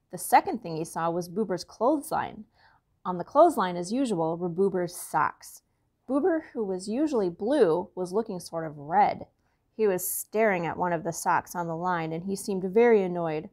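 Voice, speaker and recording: A woman reading a children's storybook aloud to young listeners, chatty and expressive. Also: on the low side, moderate pace.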